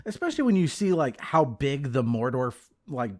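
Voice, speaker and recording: A man's voice: mid-range voice, very animated, moderate pace. A man co-hosting a podcast, recapping and discussing a film in a casual way. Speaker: podcast co-host.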